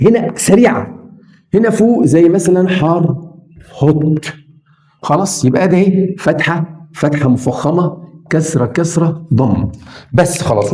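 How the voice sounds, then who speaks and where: A man's voice: on the high side, dark tone. Egyptian man teaching English phonics. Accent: Egyptian Arabic. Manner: repeats sounds slowly, addresses the viewer directly. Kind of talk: phonics lesson for beginners.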